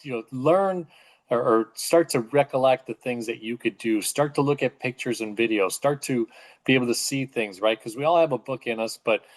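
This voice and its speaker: A man's voice: medium pitch, moderate pace, low-quality recording. A man hosting a podcast interview, enthusiastic and full of fillers. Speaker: podcast host.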